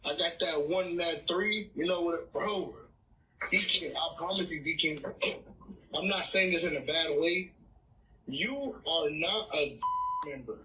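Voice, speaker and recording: Bright, lively man on a livestream. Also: on the high side, measured pace, distant mic, a little hiss or hum, rough recording. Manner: slangy, teasing, laughing often. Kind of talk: casual livestream chat.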